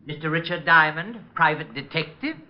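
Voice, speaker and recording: A man's voice: fairly high pitch, animated, normal speed, music in the background, close to an everyday voice. An actor playing an eccentric, delusional, boastful man, prim and earnest, in an old-time radio comedy detective show. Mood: polite, eager. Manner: prim, earnest, fussily polite. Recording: muffled vintage radio recording.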